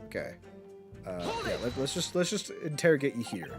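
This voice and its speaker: Man giving animated, sarcastic gameplay commentary. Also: mid-range voice, a little fast, over music. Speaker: game streamer.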